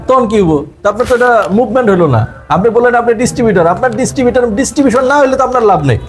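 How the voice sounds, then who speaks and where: A man with a Bangladeshi Bengali accent leading a live business seminar on direct selling. He quizzes the audience, repeats his points and mixes in English phrases. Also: extremely high pitch.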